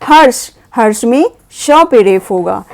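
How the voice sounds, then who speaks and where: A woman patiently explaining a grammar lesson to parents, slowly sounding out letters. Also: fairly high pitch, lively intonation, gravelly. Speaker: teacher guiding parents.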